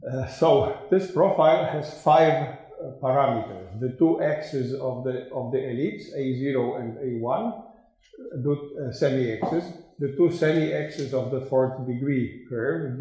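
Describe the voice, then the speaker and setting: Older man giving a conference talk, halting with lots of uhs, dark mellow voice, heavy room echo. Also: mid-range voice. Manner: slow and hesitant, many fillers and restarts. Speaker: lecturer. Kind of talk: academic conference lecture. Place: dark lecture room with a projector. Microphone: room microphone. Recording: very echoey lecture room.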